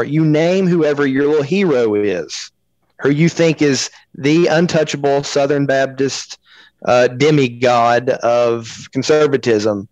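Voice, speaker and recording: A man co-hosts a podcast in a blunt, insistent voice of middle pitch. The sound is dry and close, with no room echo. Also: darkish tone, lo-fi sound. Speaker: podcast co-host. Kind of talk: casual podcast discussion.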